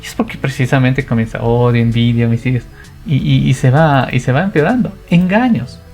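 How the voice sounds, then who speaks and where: A man leads a relaxed Bible study, speaking at an ordinary middle pitch. He talks animatedly, poses rhetorical questions and acts out the words of everyday people. Faint music plays softly behind him. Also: fairly quick. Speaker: Bible teacher. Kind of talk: casual Bible study talk.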